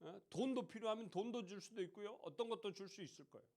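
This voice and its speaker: A man's voice: high-pitched, fast talker, a little mellow. A man giving a sermon to teenagers in a church hall, speaking conversationally, often asking the listeners questions and acting out mocking voices. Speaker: youth pastor.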